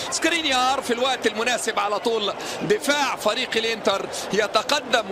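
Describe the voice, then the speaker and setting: A man giving live football commentary in emphatic, repetitive phrases. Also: sits high. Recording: noisy match broadcast audio.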